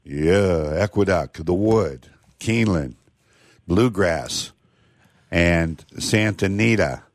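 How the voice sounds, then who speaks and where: A man's voice: low voice, animated, slow, no room sound, clean studio sound. An older man hosting a horse racing talk show, chatting in a rambling, casual way.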